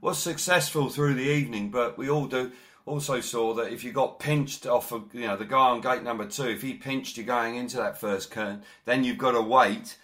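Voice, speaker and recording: A male sports interviewer with a medium-pitched voice. He talks conversationally and with enthusiasm. His questions come wrapped in long, wordy recaps of the racing. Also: normal speed, fairly bright tone.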